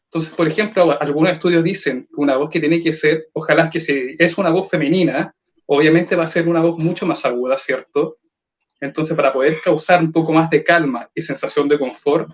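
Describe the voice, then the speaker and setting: Guy explaining voice stuff in a webinar, slightly high voice, muffled lo-fi sound. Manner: explanatory, lecturing with rhetorical questions. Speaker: voice trainer. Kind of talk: online seminar talk. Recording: dull lo-fi call audio.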